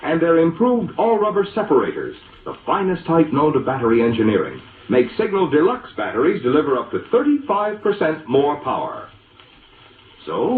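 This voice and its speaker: Here a vintage radio recording, roomy and echoing yet muffled, captures an American male announcer selling a product in classic 1940s fashion. He gives the scripted copy a polished, emphatic delivery full of lively pitch movement.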